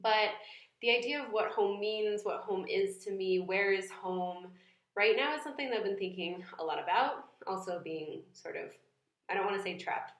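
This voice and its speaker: In an echoey room at home, a young woman from New England talks reflectively in a casual vlog. Her medium-pitched voice is thoughtful and hesitant, full of fillers, pauses, and restarts.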